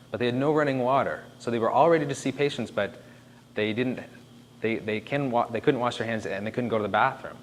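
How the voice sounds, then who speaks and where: Lowish-voiced man presenting, faint noise. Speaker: speaker presenting disaster planning. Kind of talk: informal presentation to an audience.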